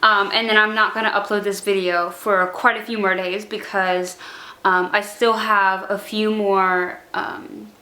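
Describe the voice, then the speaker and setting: A woman's voice: mid-range voice, little pitch movement, measured pace, bright, forceful tone, reverberant, rough recording. A young woman vlogging casually, struggling to pronounce her words after jaw surgery, rambling and self-conscious with many fillers. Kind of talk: casual vlog update.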